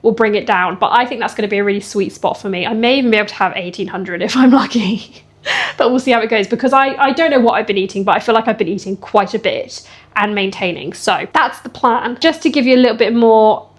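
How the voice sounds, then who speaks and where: A young woman chatting casually in a fitness vlog, emotional and quick to laugh. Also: fairly high pitch. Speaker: fitness vlogger.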